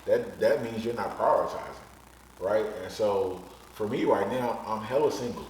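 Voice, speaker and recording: This podcast guest, a man in his thirties, speaks at an ordinary pace in a lowish voice, chatting casually with frank, blunt remarks and offhand swearing. The distant, off-mic recording picks up room echo and a little noise.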